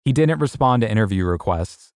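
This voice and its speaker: A man narrating an investigative story in a measured, scripted way, posing rhetorical questions. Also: fairly low pitch, expressive, a little mellow, no room sound, studio quality. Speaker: podcast host and narrator.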